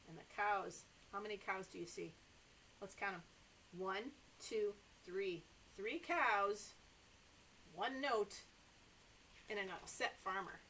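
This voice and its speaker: In a small indoor space with a sofa and toys, a middle-aged woman reads stories aloud to toddlers and chats with them in a playful, exaggerated sing-song. Her mid-range voice is fairly bright. The audio is poor, with a little hiss or hum.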